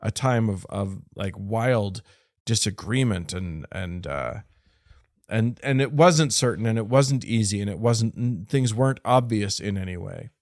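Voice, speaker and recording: A man co-hosting a podcast in casual conversation, halting with frequent restarts and fillers, his phrases fading quietly at the ends. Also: lowish voice, animated, dry recording, studio quality. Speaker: podcast co-host.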